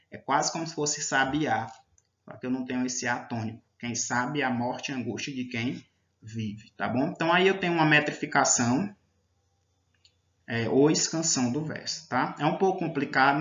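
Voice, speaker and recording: A man's voice: mid-range voice, fairly bright tone. A male teacher, giving a patient slide lecture and checking in with his students often. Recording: echoey room, dull lo-fi sound.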